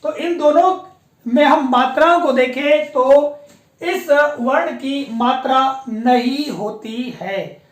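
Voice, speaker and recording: A woman teaching a patient, explanatory lesson, often pausing to check that her students follow along. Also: sits high. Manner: patient, explanatory, often repeats a confirming filler. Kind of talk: classroom-style lecture on pronunciation. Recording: echoey room.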